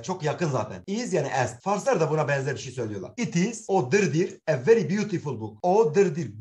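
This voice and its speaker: Lively-voiced man teaching English grammar. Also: a little high. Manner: translates sentence by sentence, explanatory and patient. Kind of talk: explaining English grammar to students.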